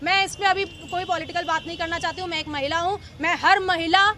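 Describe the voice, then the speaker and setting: A woman's voice: very high-pitched, fairly even intonation, fast, bright, forceful tone. A woman in her thirties, a local politician, speaking emphatically and accusingly to reporters outdoors on a city street. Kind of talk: street press interview.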